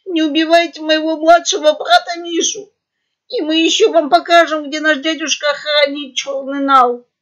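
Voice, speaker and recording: A woman's voice: sits high, steady tone, a little slow, voice pushed up. A woman voicing scared young male pugs who yap and plead with a burr, on a dull lo-fi recording. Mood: desperate. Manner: burring, yapping, pleading. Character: scared young male pug brothers, lisping yaps.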